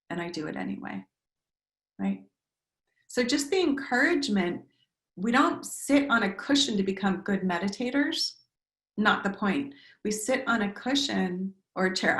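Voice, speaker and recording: A woman meditation teacher giving a gentle, reflective talk on a video call, slowing down to list words one by one. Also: mid-range voice, creaky, roomy sound. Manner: gentle, reflective, lists words in slow cadences.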